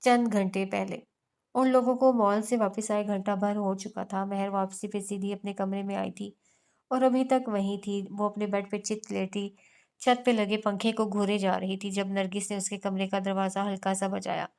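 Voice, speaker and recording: Smooth, even-toned woman narrator. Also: medium pitch, moderate pace. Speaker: audiobook narrator. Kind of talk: novel narration.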